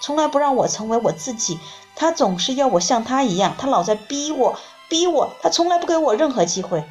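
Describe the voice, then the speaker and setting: Storybook role: female reader plays a tearful, frightened young woman; high, strained, pleading. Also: very animated, brisk, darkish tone, faint music behind. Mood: distraught. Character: distraught young woman patient, crying, fearful.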